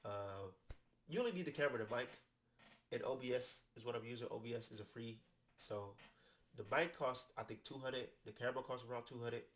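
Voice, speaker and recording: A man's voice: mid-range voice, brisk, fairly bright tone. A man with an American accent and a stuffy nose from a cold, casually explaining finance topics into a desk microphone. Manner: loose and conversational, many "right?" tags. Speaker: finance educator. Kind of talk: casual explainer talk to camera. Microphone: studio microphone with headphones.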